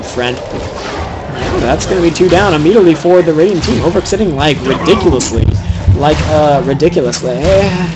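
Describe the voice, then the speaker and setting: Young guy casting a game, kinda high voice, picks apart every play, faint hiss behind. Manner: fast, opinionated, critiquing plays. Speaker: game caster. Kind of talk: solo game commentary.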